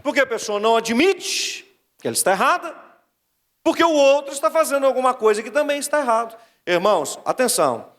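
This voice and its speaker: A Brazilian man preaches a wedding sermon in a high, lively voice that swings up and down as he exhorts. He mimics whiny excuses now and then. The sound rings with the long reverb of a big church hall. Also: brisk. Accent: Brazilian Portuguese. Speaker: pastor officiating a wedding.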